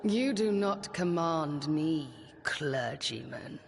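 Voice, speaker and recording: An actor in a video game playing a menacing, possessed spirit with a taunting, drawn-out delivery. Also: male voice, fairly high pitch, animated, creaky, slight background noise, full character voice. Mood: taunting menace.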